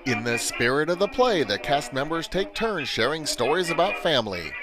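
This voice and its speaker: A man's voice: fairly high pitch, big pitch swings, normal speed. A man narrating in the style of an old-time newsreel announcer, with a brassy, punchy delivery and period slang. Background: music playing under the voice.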